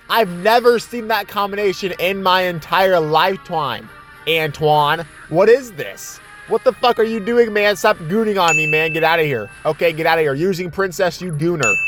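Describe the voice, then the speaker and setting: A man's voice: fairly high pitch, a bit bright. A young man giving casual, profane gameplay commentary, trash-talking his opponent with laughing asides. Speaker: gaming commentator.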